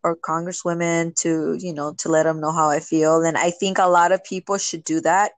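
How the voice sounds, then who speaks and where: Woman interviewee, social worker type; earnest and halting, low-pitched, dry sound. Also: little pitch movement, no room sound. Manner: earnest, halting, many restarts. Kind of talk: emotional interview talk.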